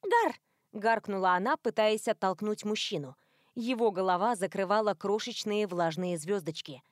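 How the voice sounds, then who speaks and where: A woman narrating a novel in an expressive, lively reading. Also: medium pitch, normal speed, dry recording, clean studio sound. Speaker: audiobook narrator. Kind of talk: scripted narration.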